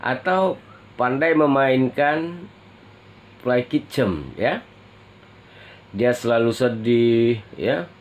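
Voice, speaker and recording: Slow-talking man giving a tarot reading. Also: medium pitch, animated. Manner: slow, drawn-out delivery with constant "ya" tag questions; addresses viewers as friends. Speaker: tarot reader.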